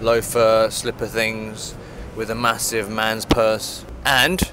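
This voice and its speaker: A man's voice: fairly low pitch, flat delivery, slow, sharp tone, rough recording. A man in his thirties chatting casually and jokingly while riding in an open-top car, recorded by a camera in the car. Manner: easygoing, joking. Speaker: vlog co-host. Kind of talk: casual chat. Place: open-top car outdoors on city streets. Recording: traffic and wind noise.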